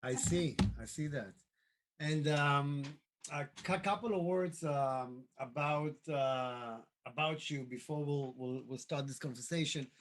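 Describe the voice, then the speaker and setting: A man hosting a live online interview, talking in a halting way with many fillers and restarts. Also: a little high, rough recording. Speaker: host.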